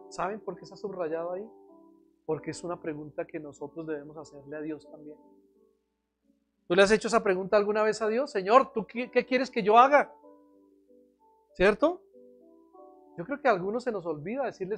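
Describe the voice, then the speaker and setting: Pastor, earnest sermon delivery with questions to the congregation, mid-pitched voice over faint background music. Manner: earnest, questioning the congregation, acting out quoted prayers.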